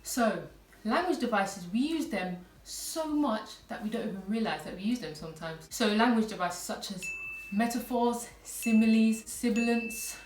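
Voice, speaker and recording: A woman's voice: a little high, expressive, moderate pace, recorded from a distance, background noise. A woman English teacher giving a patient, step-by-step online lesson to students. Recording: echoey room, voice a little off-mic.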